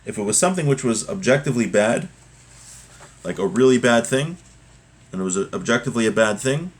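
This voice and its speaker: With lively intonation and a brisk pace, a mid-range male voice works through a text in an informal religious class. He reads it aloud, translates and explains each point, and often repeats and rephrases.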